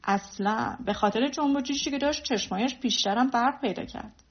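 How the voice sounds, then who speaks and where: A woman voicing a reserved, proud young gentleman who speaks curtly, in a storybook reading. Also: a little high, close to an everyday voice. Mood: cool. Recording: dull lo-fi recording.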